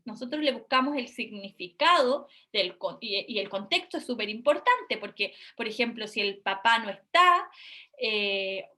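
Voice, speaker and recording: A woman's voice: a little high, sharp tone. A woman giving a recorded university lecture, explaining step by step and checking in with her students. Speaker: university lecturer in speech therapy.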